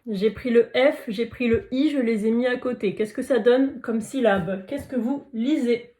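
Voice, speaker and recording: A woman teacher leads a phonics lesson for young children, stretching out each letter and syllable so they can be heard clearly. Her voice sits a little high, and she speaks slowly, pausing to praise and encourage the listeners. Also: mellow. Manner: slow, careful, drawn-out sounding of letters and syllables.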